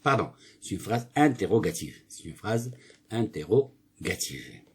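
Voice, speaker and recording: A male primary school teacher with a low, slightly rough voice and big pitch swings speaks at a measured pace. In his grammar lesson he reads and explains exercises, answering his own questions and correcting slips.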